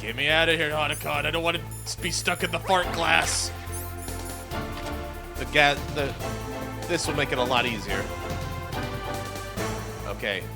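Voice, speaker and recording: A man's voice: a little high, measured pace, creaky, pauses often, music in the background. A man giving casual, jokey game commentary, hamming up mock drama and stammering as he plays. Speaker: game streamer.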